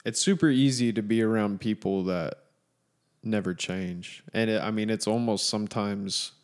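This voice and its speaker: A man with a fairly low voice muses on a podcast. He speaks in a relaxed, reflective way, softening his points with "like" and "I mean." The talk is casual and unscripted. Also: moderate pace. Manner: relaxed, reflective, hedging with fillers. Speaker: podcast co-host. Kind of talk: casual chat.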